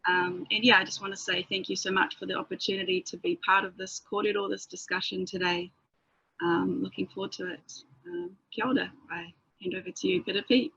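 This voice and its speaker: A woman from New Zealand with a New Zealand accent, a lecturer and writer, speaking unhurriedly with frequent soft fillers. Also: medium pitch, little pitch movement, fairly quick, vocal fry, a little hiss or hum. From far north of New Zealand. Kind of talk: formal self-introduction in conversation. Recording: dull, dry lo-fi audio.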